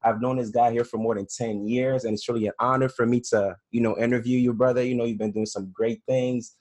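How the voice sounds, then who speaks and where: Mid-pitched man hosting a podcast. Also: fairly even intonation, brisk, darkish tone. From Togo. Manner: informal, peppered with "you know" and "bro". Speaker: podcast host. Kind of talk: casual interview hosting.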